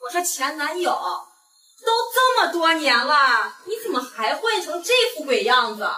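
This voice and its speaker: A woman's voice: very animated, measured pace, sharp tone, far from the mic, exaggerated voice. An actress playing a scornful, snobbish young woman at a class reunion, scolding and sneering at her shabbily dressed ex-boyfriend. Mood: contemptuous. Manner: sneering, bossy, shrill scolding. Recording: roomy, off-mic sound.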